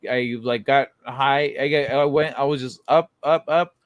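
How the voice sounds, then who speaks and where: A man's voice: mid-range voice, fairly even intonation, a little slow, no echo. Laid-back man hosting a late-night stream. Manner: laid-back, rambling, laughs often. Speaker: livestream host. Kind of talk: casual late-night chat.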